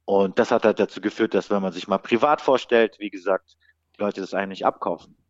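A male rapper as an interview guest, calmly and patiently explaining things in casual chat. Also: on the low side, a little fast, dry recording. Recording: dry, slightly dull interview audio.

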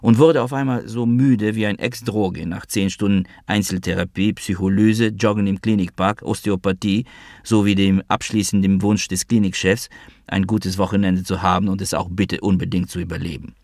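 Deep, gravelly male audiobook narrator. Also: fairly even intonation, normal speed, darkish tone, no room sound, clean studio sound.

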